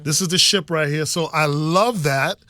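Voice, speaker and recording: A man's voice: on the high side, moderate pace, bright, forceful tone, dry recording, clean studio sound. A man hosting a podcast interview, enthusiastic and affirming, with a slangy way of talking. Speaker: podcast host. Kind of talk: conversational interview.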